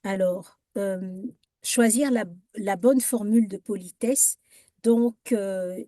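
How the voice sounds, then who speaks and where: Slow, hesitant woman giving an etiquette talk. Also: medium pitch, mellow, no echo. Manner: hesitant, many fillers and restarts; corrective, contrasting wrong and right phrases. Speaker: etiquette workshop speaker.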